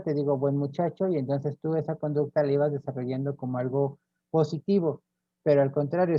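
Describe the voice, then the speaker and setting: A man's voice: on the high side, dry recording, highs cut off. A man with a Mexican accent giving a university lecture, explaining step by step and checking in with frequent tag questions. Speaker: professor.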